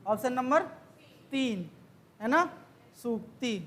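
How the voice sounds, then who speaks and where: A woman's voice: fairly high pitch, slow pace, a bit bright. A woman teaching an exam-prep grammar lesson, quizzing the class with questions that she then answers herself.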